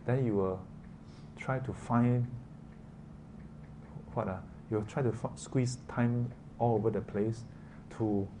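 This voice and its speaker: Singaporean or Malaysian man teaching, noisy room. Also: on the low side. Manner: conversational, asks short prompting questions with particles like lah and ah. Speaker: teacher leading a class. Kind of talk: informal interactive lesson. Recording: clearly noisy room ambience.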